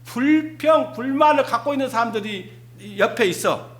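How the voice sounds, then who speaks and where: High, bright-voiced preacher man. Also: lively intonation, normal speed. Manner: emphatic, peppers talk with rhetorical questions to the congregation. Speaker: pastor. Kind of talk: Sunday sermon.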